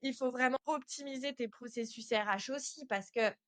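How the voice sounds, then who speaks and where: A woman with a high-sitting voice hosts a casual solo podcast, offering direct, chatty advice straight to the listener at a normal speed. There's no room sound in the recording.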